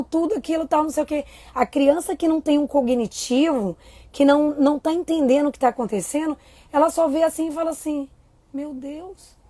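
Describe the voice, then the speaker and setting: A woman giving a motivational talk to a live audience, lively and full of questions to the crowd. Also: sits high, dry recording. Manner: acts out a child's inner voice. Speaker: speaker.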